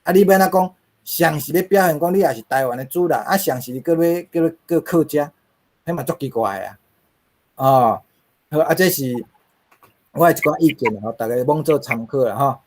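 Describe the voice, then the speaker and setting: A man's voice: on the high side, expressive, moderate pace, darkish tone. A middle-aged man with a Taiwanese accent, giving a linguistics lecture to a class, asking rhetorical questions and using many fillers.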